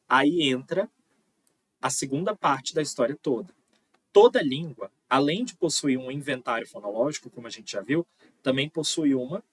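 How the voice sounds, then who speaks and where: A man teaches phonology in an online lecture, his voice a touch husky. He explains step by step and keeps checking in with his listeners. The sound is close and dry, with no room around it. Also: fairly high pitch, no echo. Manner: explains patiently, with frequent "tá?" checks. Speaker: linguistics teacher.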